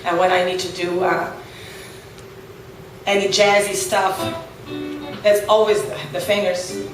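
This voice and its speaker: A Serbian blues guitarist answers interview questions in English, his second language, while aboard a boat, and his Serbian accent comes through. His medium-pitched voice stays fairly level and unhurried, and his replies are thoughtful but full of fillers and restarts, all over loud music. The recording is echoey with faint noise, and he sits far from the mic.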